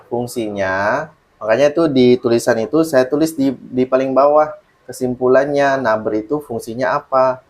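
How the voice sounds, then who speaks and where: A man teaching Quran recitation in an online lesson, patiently explaining rules and reciting examples, often checking that the student understands. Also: medium pitch.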